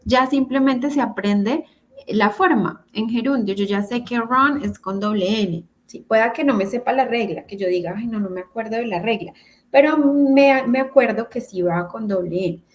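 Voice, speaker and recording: A woman's voice: fairly high pitch, normal speed. A woman teaching English grammar to a class over a video call, patient and repeating examples. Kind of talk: online class explanation. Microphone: computer mic on a video call.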